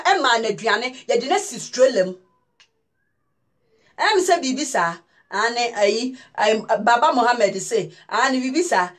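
A woman's voice: sits high, fairly bright tone. A woman from Ghana giving casual, emphatic news commentary and speaking directly to her viewers as a vlogger.

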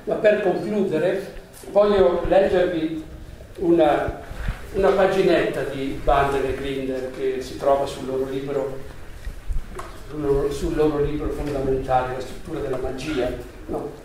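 A man giving a psychology seminar, explaining in a slightly halting way with fillers, then reading a story aloud. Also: a little high, level tone, darkish tone. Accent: Italian. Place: seminar room. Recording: echoey room, voice far from mic, faint background noise.

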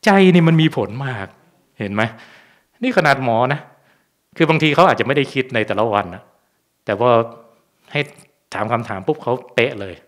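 Chatty monk asking rhetorical questions. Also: male voice, medium pitch, animated, moderate pace, pauses often. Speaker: Buddhist monk. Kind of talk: casual Dharma talk. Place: temple.

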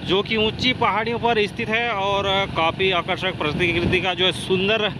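A young man with a high, light voice gives running commentary while riding a motorbike down country roads. He talks casually and keeps checking in with his viewers, calling them brother. Steady road and engine noise fills the outdoor recording. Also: moderate pace. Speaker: motorbike travel vlogger.

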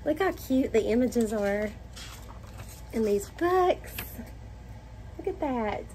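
A middle-aged woman with a Southern US accent, gushing excitedly as she shows off shopping finds to the camera at home. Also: fairly high pitch, a little hiss or hum. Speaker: vlogger. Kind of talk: haul video chat. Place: home dining room, indoors.

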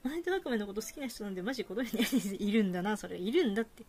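A woman's voice: mid-range voice, animated, racing, darkish tone. A woman giving casual, self-mocking commentary while playing a game. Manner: rough, self-mocking, repeats herself. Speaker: game streamer. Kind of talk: casual live-stream commentary.

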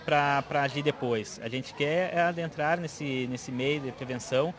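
A man's voice: on the high side, a little slow, slight background noise. A young man, a municipal guard giving spontaneous interview answers into a handheld microphone outdoors. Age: young adult. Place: outdoors in a school courtyard. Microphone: handheld reporter microphone. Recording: busy outdoor schoolyard chatter behind.

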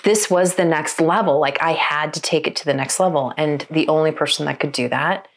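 Low-voiced woman telling her story. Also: fairly quick. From Arizona, US. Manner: earnest, reflective, speaks in long flowing runs. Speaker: matchmaker, podcast guest. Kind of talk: candid conversational storytelling. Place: podcast studio.

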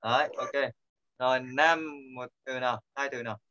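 A man's voice: medium pitch, moderate pace, pushed and bright, smooth. A man teaching an online pronunciation class, patient and corrective, often repeating his points. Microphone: video call. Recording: dull lo-fi call audio.

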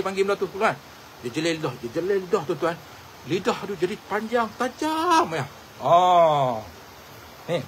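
A middle-aged man tells an old story, circling back over the same phrases and turning often to speak straight to his listeners. His voice sits a little high, and a faint hiss runs underneath it. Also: poor audio. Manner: repetitive, animated storyteller addressing listeners as tuan-tuan. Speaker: religious teacher and traditional healer. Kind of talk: casual storytelling to viewers.

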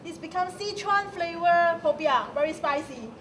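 A young woman with a Malaysian English accent and a very high voice, cheerfully coaching people through a cooking session. She sounds encouraging and chatty, picked up by a far-off camera in an echoey room. A loud crowd chatters all around her. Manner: encouraging, chatty, quick to laugh. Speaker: cooking demonstrator. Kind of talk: casual hands-on cooking instruction. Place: bright indoor activity room.

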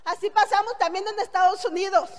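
A middle-aged woman with a Mexican Spanish accent tells her story with blunt, earthy humor. Her voice sits very high. The speech rings with a long hall reverb. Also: fairly even intonation, a little fast. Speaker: motivational speaker. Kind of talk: testimonial speech to an audience.

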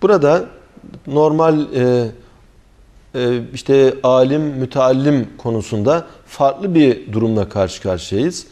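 A middle-aged man giving a religious lecture on scripture, speaking with deliberate care and pausing often as he thinks. His voice is mellow and warm, sitting at an ordinary male pitch. He sounds like a teacher patiently explaining verses to a class. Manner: measured explanatory delivery with frequent hesitations; recites Arabic verses then translates. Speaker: Quran commentary teacher.

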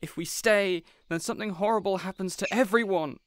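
In a scripted audio roleplay, a man voices a young supervillain boss who is weary and reasonable. His delivery is hesitant but measured, exasperated and anxious, in a high-pitched, fairly bright voice.

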